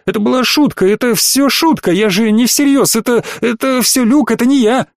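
A cowardly boy cadet, as a male narrator puts him on, squeaking high and whiny in panic. It is an audiobook voice, recorded dry and close. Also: normal speed, dry recording. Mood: panicky.

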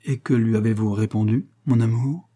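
A man reading an audiobook voices a kindly old spinster aunt in a low, soft, gentle tone. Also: fairly even intonation, normal speed, natural voice.

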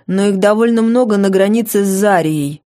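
Give me a woman playing an aloof grown man in a storybook, dry and clipped, with a dark, mellow tone. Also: mid-range voice, moderate pace, close to an everyday voice. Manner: dry, methodical, clipped replies. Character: terse, aloof grown man of noble house.

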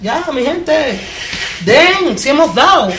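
Amid a noisy background, a Cuban woman with a high, sing-song voice takes her time during an impassioned live panel. She speaks in Cuban-accented Spanish and challenges the audience directly with rhetorical questions.

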